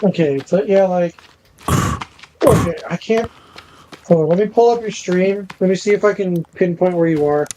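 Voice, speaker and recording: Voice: medium pitch, normal speed, long pauses, dark tone, slight background noise, rough recording. A speaker in casual gaming voice chat, guiding a teammate with directions and many fillers.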